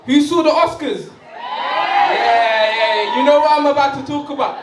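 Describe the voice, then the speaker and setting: High-voiced young comedian on stage. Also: male voice, moderate pace, recorded from a distance, noisy background. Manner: playful, laughing, shouting to the crowd. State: a bit tipsy. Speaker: stand-up comedian. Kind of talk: stand-up comedy set. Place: stage in a large hall with audience. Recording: echoey hall, mic picked up from afar, loud crowd. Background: audience laughter and cheers.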